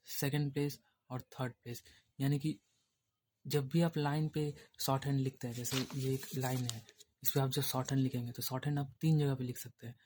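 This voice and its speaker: Man, shorthand teacher, lesson, flat intonation, repetitive explaining. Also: mid-range voice. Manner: repetitive explaining, checks in with "theek hai". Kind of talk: classroom lesson explaining at a board.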